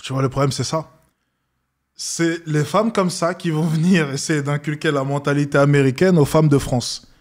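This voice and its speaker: Scornful high-voiced man lecturing. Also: steady tone, normal speed. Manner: mocks others with high squeaky voices. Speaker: commentator reacting to a video. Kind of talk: reaction commentary.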